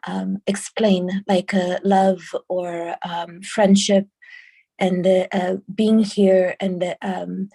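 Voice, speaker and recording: A woman from Brazil speaking slowly and thoughtfully as a guest on a video call, pausing often with ums. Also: mid-range voice, dark tone. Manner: slow and thoughtful, many pauses and ums. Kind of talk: casual spoken remarks.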